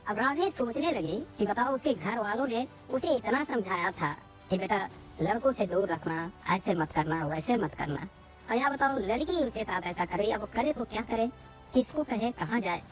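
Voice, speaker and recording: A woman's voice: fairly high pitch, lively intonation, normal speed. Woman storyteller, chatty narration to listeners, faint music under. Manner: chatty, addresses listeners as friends.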